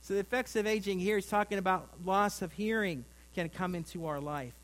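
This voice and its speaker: A man's voice: sits high, a little fast, fairly bright tone, low-quality recording. A middle-aged man preaching a sermon in a folksy, rambling way, with asides to his congregation. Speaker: pastor.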